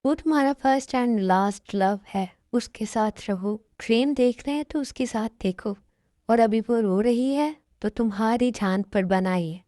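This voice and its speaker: A calm, wise young woman, voiced by a woman in an amateur dubbed love story, speaking in poetic advice. Her tone is fairly high and mellow, and the sound is dry and close. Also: measured pace, no room sound, lightly acted. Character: young woman on a date, wise and self-sacrificing.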